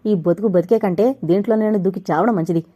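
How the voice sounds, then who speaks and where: A bitter young wife and mother of four scolds her drinking husband, shrill and close to tears, as a woman narrator puts her on. Her voice climbs higher and louder than the narration. The tone stays mellow underneath, as in an audio novel. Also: quick pace, natural voice. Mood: angry, tearful.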